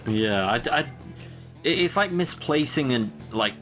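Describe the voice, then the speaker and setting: A man's voice: medium pitch, lively intonation, unhurried, fairly bright tone, faint music behind. A tired man co-hosting a let's play, teasing and swearing in casual chat. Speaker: co-host. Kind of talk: casual chat over gameplay.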